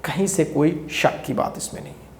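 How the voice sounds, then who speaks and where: A man's voice: fairly high pitch, moderate pace, darkish tone. Male teacher lecturing in an echoey room. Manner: keeps asking students rhetorical questions; repeats key phrases while explaining. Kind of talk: classroom lecture.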